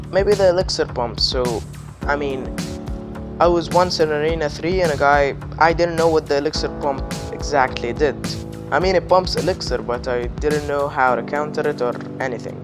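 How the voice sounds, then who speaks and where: Higher-pitched man, casual gaming commentary, slightly ill. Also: moderate pace, over music. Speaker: gaming video host.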